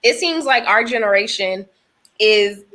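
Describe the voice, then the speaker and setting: A woman's voice: mid-range voice, animated, unhurried, sharp tone. A woman in her thirties co-hosting a podcast, talking through her points with examples in a casual chat. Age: 30s. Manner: thoughtful, talks through examples. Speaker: podcast co-host.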